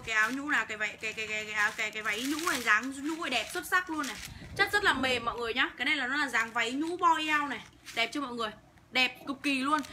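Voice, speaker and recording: A young woman runs a livestream selling clothes, her high-pitched voice set against background noise. She hawks her goods bluntly and curses heavily throughout the sales pitch.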